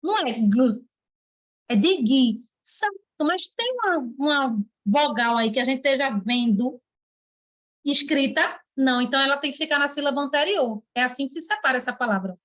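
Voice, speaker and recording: In an online lesson on letters and syllables, a teacher with a Brazilian Portuguese accent spells sounds out slowly and asks patient rhetorical questions. Her voice is high, expressive and a little bright.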